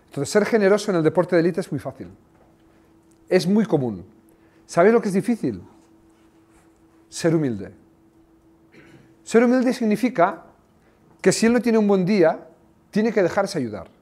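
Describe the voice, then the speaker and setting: A man, a former coach giving a motivational talk, telling lively anecdotes with sound effects. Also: high-pitched, moderate pace, pauses often. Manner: animated storytelling with sound effects.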